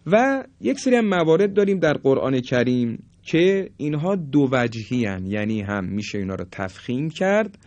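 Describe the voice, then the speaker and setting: Male recitation teacher, lively pitch, dry close sound, drawn-out demo words. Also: no echo. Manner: slow drawn-out demonstration of words. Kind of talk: tajweed lesson, explaining and demonstrating.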